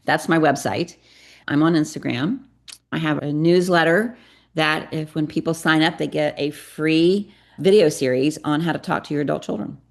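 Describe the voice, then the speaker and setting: A middle-aged woman with a deep, gravelly voice, speaking as a podcast guest. She talks earnestly and confessionally and acts out snatches of dialogue as she tells her story. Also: normal speed. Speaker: guest, psychotherapist and parenting coach.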